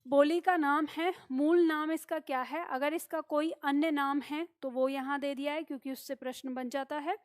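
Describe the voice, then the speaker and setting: A woman's voice: high voice, steady tone, moderate pace, few pauses, no echo, clean studio sound. A woman teacher giving a classroom lecture, explaining points step by step and often checking with her students. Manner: explanatory, repeats key points with "ठीक है?".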